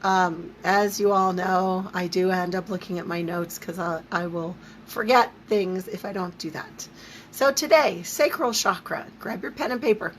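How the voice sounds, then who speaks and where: A woman with a squeaky voice strained by allergies, teaching an informal livestream lesson in a conversational, emphatic, down-to-earth way. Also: measured pace. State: throat and voice affected by allergy. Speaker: spiritual teacher leading a live online series. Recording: noticeable background noise.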